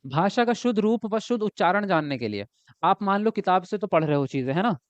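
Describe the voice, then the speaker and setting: Guy teaching a live online class, highish smooth voice, keeps going "right?", kinda dull dry lo-fi sound. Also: expressive, brisk, dry recording. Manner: chatty, keeps asking "right?" and answers chat comments. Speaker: exam prep teacher.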